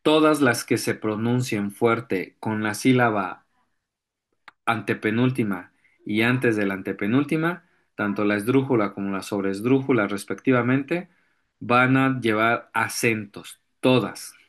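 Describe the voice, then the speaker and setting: Slow, deliberate male teacher. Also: fairly low pitch. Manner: slow, searching for examples, frequent throat clearing and fillers. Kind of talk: virtual class lesson.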